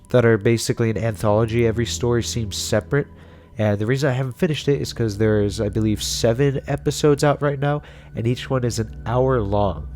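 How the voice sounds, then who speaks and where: This man's voice sits in the middle range with a slightly mellow quality. As a video host and reviewer, he wanders through his commentary and recommendations in a loose, conversational manner.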